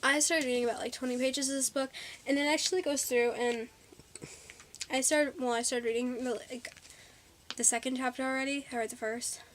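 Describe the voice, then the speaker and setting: A woman's voice: sits high, fairly even intonation, fairly quick, a little hiss or hum. A teenage girl chatting in a casual haul vlog, bubbly and a little out of breath, with lots of ums and likes. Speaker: vlogger.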